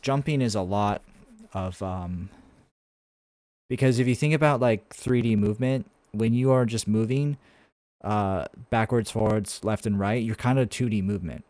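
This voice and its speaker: A man's voice: lowish voice, a little mellow, dry recording. A man streaming his game development, thinking aloud in a rambling, casual way with many fillers and restarts while answering chat. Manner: answers chat messages between coding steps.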